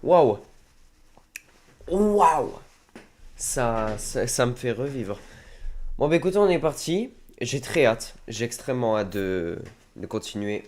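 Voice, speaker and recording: A man's voice: medium pitch, animated, unhurried, darkish tone, a little hiss or hum. A man with a head cold casually chatting to viewers while streaming a game. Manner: chatty, rambling, talks to viewers. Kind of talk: casual let's-play commentary. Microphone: desk microphone.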